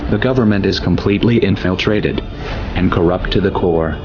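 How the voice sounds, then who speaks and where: A man reading a solemn scripted manifesto in a disguised deep voice run through a voice changer, with measured, declaiming delivery. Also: muffled recording. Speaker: anonymous message speaker. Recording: voice over a loud music bed. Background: music.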